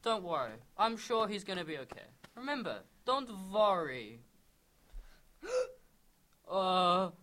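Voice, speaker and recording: Woman doing a teacher guy, slow, bright voice, secretly evil. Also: on the low side, big pitch swings, a little hiss or hum, pitched below the performer's own voice, full character voice. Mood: soothing. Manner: fussy praise, then cold threats. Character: male schoolteacher, proud then secretly villainous.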